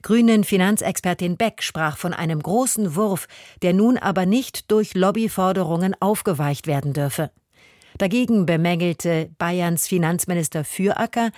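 Low-voiced woman reading radio news. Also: no room sound, clean studio sound. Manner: even, formal delivery. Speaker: newsreader. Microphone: studio mic.

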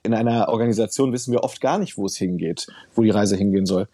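Male researcher, measured and explanatory, warm husky tone, dry studio sound. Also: lowish voice, no room sound. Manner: thoughtful, explanatory, uses fillers. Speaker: work researcher, author. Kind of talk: interview answers.

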